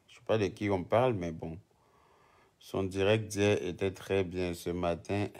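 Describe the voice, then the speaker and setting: A man's voice: fairly low pitch, darkish tone. A man doing casual live-stream commentary, teasing and chatty, often breaking into laughter. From Ivory Coast.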